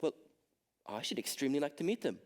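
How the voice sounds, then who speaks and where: A young man plays a proper gentleman who is tired of everything, in a school stage comedy. His delivery stays dry and weary. His pitch swings widely from line to line. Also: very animated, fast talker. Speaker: stage actor in a school play.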